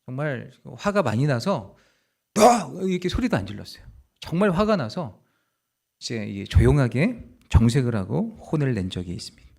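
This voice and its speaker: A male pastor preaching a sermon, swinging between loud urging and hushed, slow passages. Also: medium pitch, creaky. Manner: animated, acts out dialogue in quoted voices.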